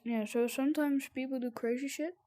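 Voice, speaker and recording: A gamer giving casual, sweary VR gameplay commentary in a halting, rambling way that repeats words, with audible heavy breathing. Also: sits high, steady tone, mellow. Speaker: gamer presenting a VR game tutorial.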